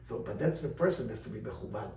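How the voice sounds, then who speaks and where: A man teaching a Torah and Kabbalah class as a rabbi, speaking animated English with non-native grammar and Hebrew terms mixed in. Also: on the low side, fast. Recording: roomy, distant mic, faint background noise.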